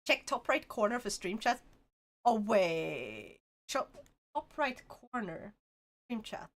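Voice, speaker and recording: A young woman streams a game and chats casually and bubbly with her viewers over a desk microphone, while game music plays behind her. Her fairly high voice is very animated, yet she takes it slowly.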